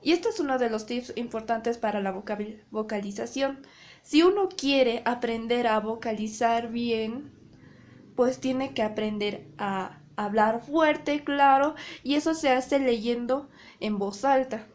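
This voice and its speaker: Young woman, student presenter, slow careful delivery, slightly high voice, hesitant with self-corrections. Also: a little mellow. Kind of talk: class presentation on public speaking.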